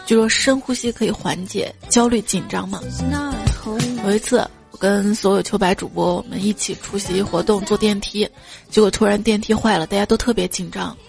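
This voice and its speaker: A woman's voice: medium pitch, creaky. A woman hosting a casual joke show, telling funny stories in a playful, giggly way. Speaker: podcast host.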